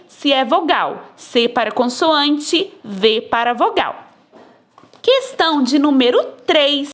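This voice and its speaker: A woman teacher, explaining textbook exercises to children in a slow, patient way, recorded on a phone. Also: high-pitched, fairly bright tone.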